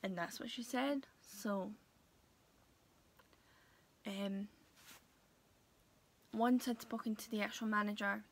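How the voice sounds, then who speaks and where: A young woman talking casually to her viewers in a vlog, hesitant and full of pauses and fillers. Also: mid-range voice, fairly even intonation. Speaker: vlogger. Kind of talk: casual vlog talk to camera.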